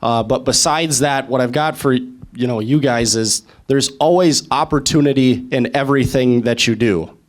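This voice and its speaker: A man's voice: medium pitch, moderate pace. A young man and student, speaking casually and easygoing as a panel guest. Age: young adult. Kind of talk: casual talk at a live panel.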